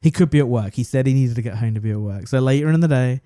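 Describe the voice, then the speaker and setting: Chatty English guy with a mellow voice. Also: mid-range voice, fast, dry recording, studio quality. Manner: chatty, self-deprecating, acts out both sides of a conversation. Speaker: podcast co-host. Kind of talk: casual storytelling.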